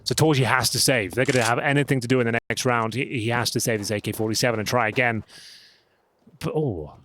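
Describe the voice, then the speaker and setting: A male esports caster delivers playful live play-by-play on a match, chatty and coining pet terms. His mid-range, fairly bright voice moves at a quick pace with fairly even intonation, over slight background noise of clicks and game gunfire.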